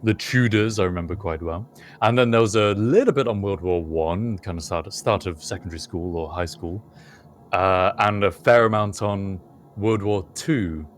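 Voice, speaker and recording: A British man co-hosting a casual podcast chat, speaking in a thoughtful, measured way with frequent pauses and fillers. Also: lowish voice. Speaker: podcast co-host.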